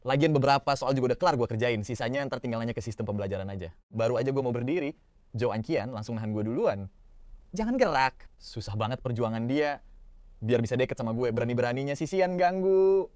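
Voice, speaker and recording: A man's voice: mid-range voice, quick pace, dry recording, clean studio sound. Slangy man narrating a comic recap. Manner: slangy Jakarta-style casual talk, expressive inner monologue. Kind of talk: casual first-person story narration.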